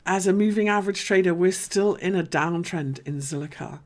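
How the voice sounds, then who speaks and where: With a deep, low, darkish voice at normal speed, a female host runs a live market analysis stream. She talks informally and chattily, working through each point by thinking aloud.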